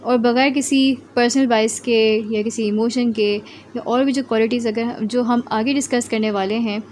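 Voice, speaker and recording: A woman with an Indian accent teaching physiotherapy students, reading English lines slowly and explaining quickly in Hindi. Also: fairly high pitch, steady tone, darkish tone. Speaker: physiotherapy educator. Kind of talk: lecture mixing English and Hindi. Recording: faint background noise.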